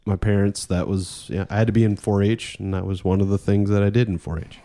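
A man's voice: lowish voice, little pitch movement, quick pace, mellow. A man answering questions as a guest on a casual podcast, giving dry, clipped replies. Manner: laconic, dry short answers.

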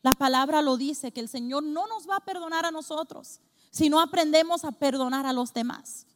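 A woman from the Dominican Republic, high-pitched, preaching a lively sermon. She acts out small scenes and asks the congregation questions. Her voice rings with the long reverb of a church hall. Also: moderate pace.

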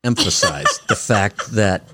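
Very low-voiced woman with hiccups. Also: huge pitch swings, slow pace, crowd noise. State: has the hiccups. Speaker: podcast co-host. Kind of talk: casual chat.

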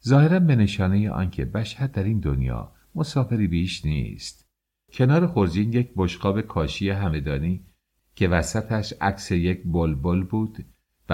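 A man reading an audiobook as its narrator, in a measured, expressive storytelling manner. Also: low-pitched. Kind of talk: scripted narration.

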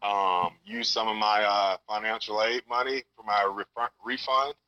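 A man's voice: lowish voice, fairly even intonation, moderate pace, sharp tone, slight background noise. A man from Louisiana talking over a phone speaker as a guest, telling stories in an easygoing, upbeat way. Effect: heard over a phone speaker. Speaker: guest wrestler. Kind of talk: casual phone chat. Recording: tinny speakerphone call.

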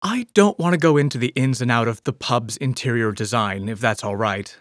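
A man voicing a frustrated, slightly drunk young woman, asking sharp, exasperated questions. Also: medium pitch, fairly quick, no room sound, studio quality, lightly acted.

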